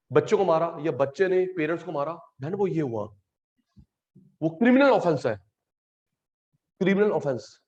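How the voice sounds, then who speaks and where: An animated man with an Indian accent teases his online students while mixing English terms into Hindi. His voice is high, and the audio sounds dull.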